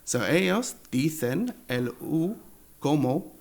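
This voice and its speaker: An Englishman with an English accent, native tongue English, talks slowly and haltingly as a guest in a relaxed interview. His voice has a gravelly, creaky edge, and every so often an English word slips into his sentences. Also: on the high side. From England. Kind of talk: casual interview chat.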